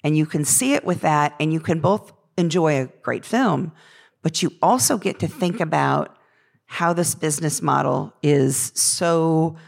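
A woman with a gravelly, tired voice worn from a late night, speaking off the cuff as a union representative in an earnest, halting, discursive way. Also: deep voice. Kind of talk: unscripted spoken remarks on union issues.

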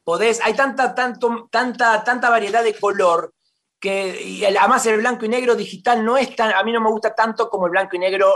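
Argentine man, guest theater columnist, high voice, gushing and repetitive, stumbling restarts. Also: steady tone, a little fast, fairly bright tone. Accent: Rioplatense Spanish. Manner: effusive, repeats himself, many restarts. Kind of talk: casual interview chat.

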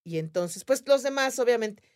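A woman from Mérida, Mexico, appearing as a podcast guest, tells a story in casual conversation with a Mexican Spanish accent. Her voice is on the high side at normal speed, and she animatedly acts out the voices of people in the story.

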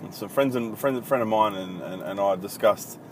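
Recording a solo podcast on his iPhone amid loud traffic and street noise, a low-voiced Australian from country Victoria in his thirties talks a little fast. He's casual, blunt, and profane, rambling along with plenty of ums.

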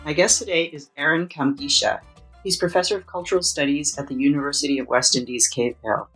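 A woman's voice: deep voice, steady tone, brisk, a bit bright, slightly rough, faint music behind, poor audio. A woman hosting a book podcast, reading a scripted introduction and then asking questions. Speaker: podcast host. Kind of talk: podcast interview.

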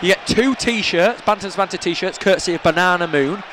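A man's voice: high-pitched, normal speed, a bit bright. A man with a Bradford accent co-hosting a football podcast from a stadium press box, bantering casually and teasing. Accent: Bradford, West Yorkshire. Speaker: podcast co-host. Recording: outdoor stadium noise, traffic ambience.

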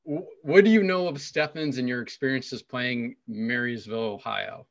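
A man's voice: mid-range voice, normal speed, vocal fry, a little hiss or hum. A man co-hosting a podcast in casual chat, eager and joking with his guest. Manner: enthusiastic, joking. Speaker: podcast co-host. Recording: dull lo-fi podcast audio.

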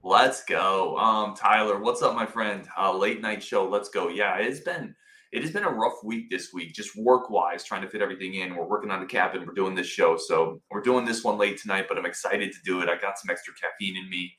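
Speaking fairly quickly in a lowish, forceful voice, a man hosts a sports podcast from a wooden cabin, offering casual commentary to live viewers. His tone is informal and enthusiastic, and the indoor space gives noticeable echo.

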